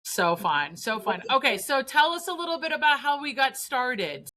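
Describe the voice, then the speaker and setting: A woman's voice: high voice, very animated, normal speed, pushed and bright. A woman hosting a podcast, reacting enthusiastically and asking her guests questions. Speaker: podcast host. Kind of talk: casual podcast chat.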